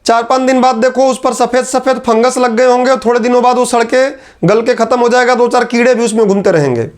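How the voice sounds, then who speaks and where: This classroom lecture comes from a man whose voice is strikingly high; he works at a whiteboard, talking casually and chattily. Teasing remarks go out to his students, and he eases his pace to repeat important terms.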